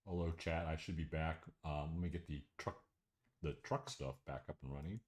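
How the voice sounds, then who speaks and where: A man's voice: rumbling low, normal speed, a little mellow. A man streaming a game over a headset mic, chatting casually and thinking aloud as he plays. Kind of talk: casual livestream chat while playing. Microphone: livestream headset mic.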